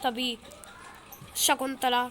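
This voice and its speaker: High-voiced woman telling a story. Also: flat delivery, very slow, fairly bright tone, slight background noise. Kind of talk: narrating a moral story.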